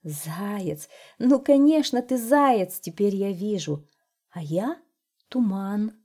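A lonely, gentle fog, as a woman puts him on, soft and pleading, hoping for a friend. The voice is warm and husky, and its pitch rises and falls. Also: expressive, slow pace. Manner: soft, plaintive.

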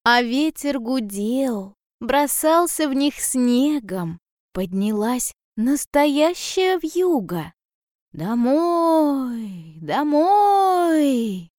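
A woman reading a fairy tale aloud in a calm, measured storytelling manner. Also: high voice, dry recording, studio quality.

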